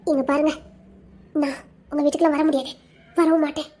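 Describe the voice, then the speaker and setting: A piping, childlike-high voice that rattles along at a breakneck clip belongs to a feisty young village woman, played by a woman. she teases and jokes and throws out mock threats in this audio love drama, giggly and quick as she goes. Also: lively intonation, fairly bright tone. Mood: serious. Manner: rapid rural chatter, giggly, mock threats.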